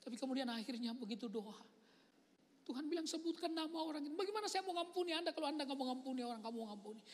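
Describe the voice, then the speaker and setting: A male pastor delivers a lively sermon built around storytelling. He swings from loud outbursts to hushed near-whispers and acts out the voices he quotes. His pitch is extremely high and his pace very fast, with the long reverb of a large church hall around him.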